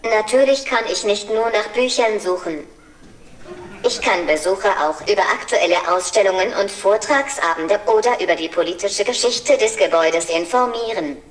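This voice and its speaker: A synthetic female robot voice speaks in polite, cheerful assistant phrases at a middle pitch. It is caught from some distance in a roomy, echoing space. The delivery is steady and scripted. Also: normal speed. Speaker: humanoid service robot. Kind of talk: scripted demo talk. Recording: roomy and far from mic.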